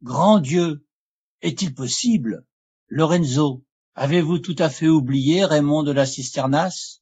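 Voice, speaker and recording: A man reading an audiobook, voicing a proud young marquis who speaks with haughty challenge in a husky voice. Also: on the high side, slow, a little mellow, voice pushed up.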